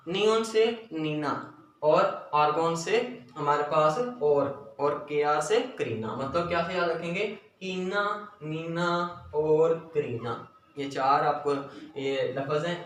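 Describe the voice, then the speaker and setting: A man teaching a lesson. He repeats memory phrases slowly and drills them. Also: fairly high pitch, a bit bright. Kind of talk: classroom lesson with memory tricks. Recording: very echoey room, voice from a distance, faint noise.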